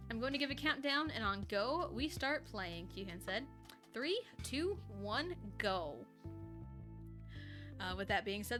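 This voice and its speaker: With a slightly high, sharp-toned voice, a woman streamer casually reads fan fiction live. She often stops to giggle and react to the story in offhand asides.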